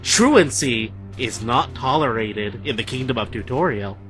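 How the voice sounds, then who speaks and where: A man voicing a stern male robot driving instructor, speaking slowly and evenly. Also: medium pitch, expressive, fairly bright tone, faint music behind, pitched below the performer's own voice, low-quality recording. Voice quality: slow, measured delivery.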